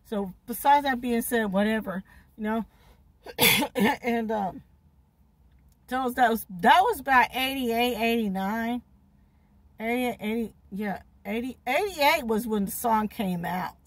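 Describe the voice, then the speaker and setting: This middle-aged vlogger speaks slowly in a voice on the high side, recorded dry by a phone camera at arm's length. Parked in her car, she rambles through a profane story, cursing heavily, laughing a lot, repeating herself and gesturing plenty.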